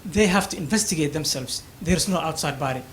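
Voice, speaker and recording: Brief: man from Somalia, audience question, halting and earnest, slightly high voice, faint room hiss. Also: low-quality recording. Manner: halting, many fillers, earnest. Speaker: audience member asking a question.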